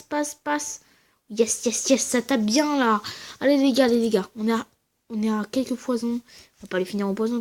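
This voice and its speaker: A woman giving casual, slangy commentary over her own gameplay, talking quietly and then shouting at big wins and losses. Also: fairly high pitch. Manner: speaks quietly between outbursts. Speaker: gaming channel host.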